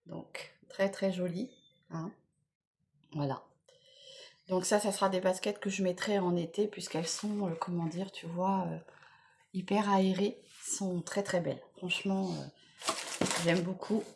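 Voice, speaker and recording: A woman's voice: fairly low pitch, steady tone, unhurried, vocal fry, long pauses, darkish tone, slight background noise. Chatty woman showing off her gifts. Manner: chatty, enthusiastic, many fillers and repeated words. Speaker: beauty vlogger. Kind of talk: casual unboxing chat to camera.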